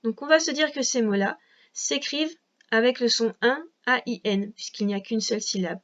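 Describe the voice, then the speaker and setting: Patient lady teacher talking slowly to a little kid, kinda muffled sound. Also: a little high, fairly bright tone. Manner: patient, slow and clearly articulated for a young child. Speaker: first-grade teacher. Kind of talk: remote reading lesson.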